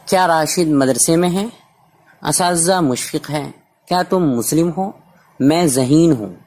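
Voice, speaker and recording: A man's voice: a little high, a little mellow. A man teaching a basic English lesson, repeating each word patiently for learners.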